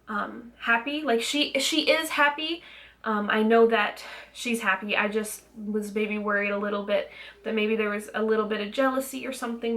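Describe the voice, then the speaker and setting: A woman's voice: on the high side, fairly bright tone. A young woman talking casually in a vlog, a little out of breath, rambling with lots of ums, restarts and small laughs. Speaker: vlogger.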